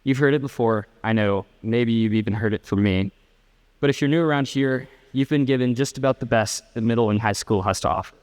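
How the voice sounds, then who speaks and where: A teenage boy, chair of a student honor council, giving a measured, slightly formal and reflective prepared speech at a school ceremony. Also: medium pitch, a little mellow. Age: late teens.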